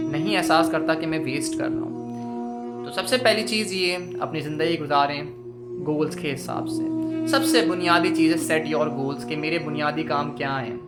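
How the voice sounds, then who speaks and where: A man with a Pakistani Urdu accent giving an earnest, emphatic motivational religious talk to his students, mixing in English phrases. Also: on the high side. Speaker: Islamic speaker addressing his students. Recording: loud music under the voice.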